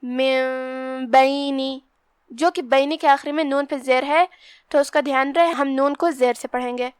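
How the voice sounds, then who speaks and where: A woman with a bright, high voice leads a Quran recitation lesson. Her voice sounds dry and close, with no room around it. She draws out each verse slowly, then goes through the pronunciation rules in a calm, steady way. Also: dry recording. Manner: slow measured recitation between plain explanations. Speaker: Quran teacher. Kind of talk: tajweed lesson.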